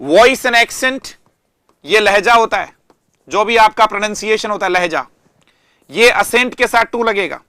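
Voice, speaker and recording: A male English teacher with a fairly high, crisp and resonant voice, recorded close and dry with no room sound. He explains word meanings in Hindi, slows right down to stress each English example sentence, and keeps asking his students questions before answering them himself. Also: animated, pushed and bright, no room sound. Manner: addresses students directly, asks and answers himself. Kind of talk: online classroom lecture.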